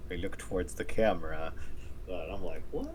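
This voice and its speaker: A man playing a tabletop game, playful and quick to laugh, with quiet asides. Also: low-pitched, a crowd in the background. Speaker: player.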